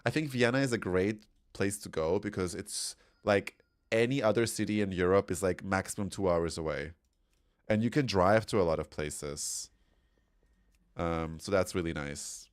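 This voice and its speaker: Casting: young Austrian-accented male streamer, very low voice, chatty and giggly. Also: normal speed, smooth, no echo, studio quality. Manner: chatty, laughs often, reads chat aloud. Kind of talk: casual livestream chat.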